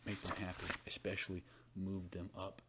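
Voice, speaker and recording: A man doing a soft-spoken, ASMR role-play as a librarian, chatting about books in a rambling, informal ASMR style. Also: sits low, completely flat delivery, moderate pace, heavy background noise. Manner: rambling, informal, conversational book commentary. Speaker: ASMR performer playing a librarian.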